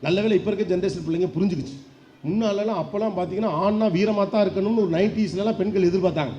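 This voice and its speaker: A middle-aged man giving a lively motivational speech to an audience, firing off rhetorical questions and acting out voices. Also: high-pitched, rapid-fire. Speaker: public speaker. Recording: dull lo-fi sound with faint background noise.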